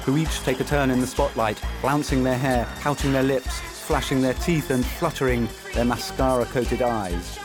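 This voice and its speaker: A man reading scripted audio description of a film in the present tense, in a measured, descriptive way. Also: mid-range voice, over music.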